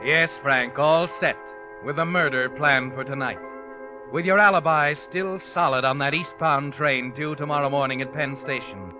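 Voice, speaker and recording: A man's voice: on the high side, moderate pace, natural voice. A man acting as an all-knowing, mocking narrator of a 1940s radio suspense drama, with an insinuating, theatrical delivery. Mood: mocking, ominous. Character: sinister omniscient male narrator, knowing and mocking. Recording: dull lo-fi old radio recording. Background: dramatic music.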